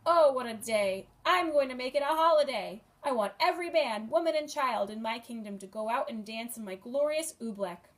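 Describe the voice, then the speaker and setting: A woman voicing a boastful, greedy adult king who talks in booming, bossy bursts. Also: expressive, normal speed, hardly any pauses, close to an everyday voice. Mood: overjoyed.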